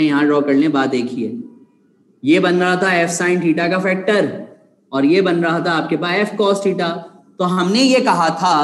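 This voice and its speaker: A man teaching a physics class online, patiently repeating key points and asking his students rhetorical questions. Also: high voice. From Pakistan. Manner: addresses students affectionately as children. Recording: echoey room.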